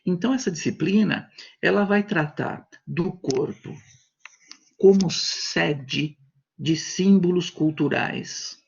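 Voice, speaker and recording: A man's voice: fairly high pitch, slow, creaky, breathy edge, dull audio. A man with a Brazilian Portuguese accent giving a university class over a video call, talking conversationally and acting out little voices in his examples. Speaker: university lecturer. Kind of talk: online class lecture.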